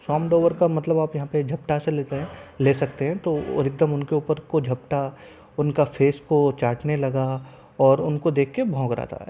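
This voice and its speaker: A male teacher explaining a text line by line. He reads each English line very slowly, then talks it through quickly and eagerly in Hindi. The recording is dull and lo-fi. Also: mid-range voice.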